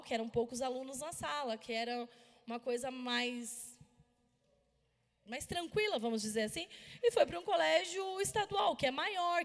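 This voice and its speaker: A Brazilian woman preaches in a lively, storytelling way, breaking into sudden loud bursts. Her voice sits a little high for a woman. It rings out with a long reverb, as in a church hall. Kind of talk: sermon.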